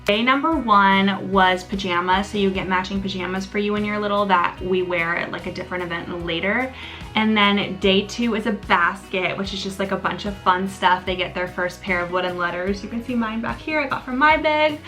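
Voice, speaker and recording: A woman's voice: medium pitch, moderate pace, fairly bright tone, faint music behind. A young American woman telling a casual storytime vlog like a bubbly sorority girl, gushing and giggly, with lots of "like" in her talk. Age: young adult. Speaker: vlogger, sorority member.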